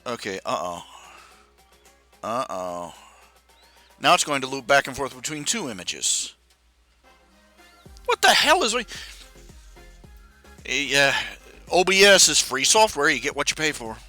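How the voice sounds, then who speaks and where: A man in his forties chatting casually on a live stream, rambling and grumbling in a self-deprecating way while he fiddles with software. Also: mid-range voice, big pitch swings, measured pace, long pauses, faint music behind. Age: 40s.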